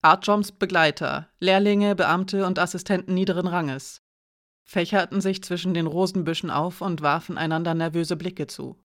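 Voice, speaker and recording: An audiobook narrator reading a fantasy novel in steady scripted narration. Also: medium pitch, moderate pace, no room sound, clean studio sound. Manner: steady storytelling.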